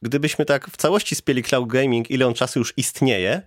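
A man as a podcast guest answering questions thoughtfully, pausing often with fillers. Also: medium pitch, steady tone, no room sound, clean studio sound. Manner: thoughtful, hesitant with many fillers. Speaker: guest, head of DevOps.

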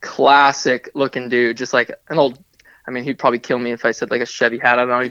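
A man's voice: mid-range voice, little pitch movement, fast talker, pushed and bright, lo-fi sound. A young man from the Pacific Northwest, a documentary photographer, telling a long rambling story as a guest in a casual radio interview. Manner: rambling, chatty storyteller full of restarts and asides.

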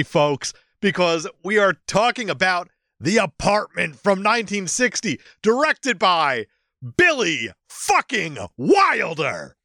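A man's voice: high-pitched, bright, forceful tone, dry recording, studio quality. A man co-hosting a movie podcast with casual, jokey banter, full of sweary, over-the-top fan enthusiasm. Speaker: podcast co-host.

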